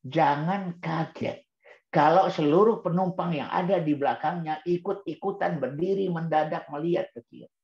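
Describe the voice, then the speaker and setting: A man's voice: a little high, moderate pace. Man giving a roomy, muffled parenting talk. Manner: rhetorical questions answered aloud; repeats key words for emphasis. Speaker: Islamic parenting speaker. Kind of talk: book-review talk to parents. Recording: roomy dull-sounding recording.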